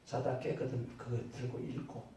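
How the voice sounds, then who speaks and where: A man pastor preaching a storytelling sermon. He drops to soft asides, then rises into loud, emphatic bursts. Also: medium pitch, monotone, moderate pace, background noise. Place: church sanctuary. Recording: very echoey church hall, mic at a distance.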